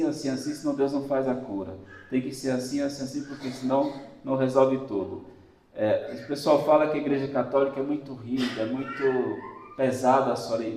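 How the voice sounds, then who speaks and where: Brazilian priest preaching in echoey church. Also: male voice, mid-range voice, dark tone, recorded from a distance, a little hiss or hum. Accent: Brazilian Portuguese. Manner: emphatic, repetitive exhortation addressing listeners directly. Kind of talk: Sunday homily.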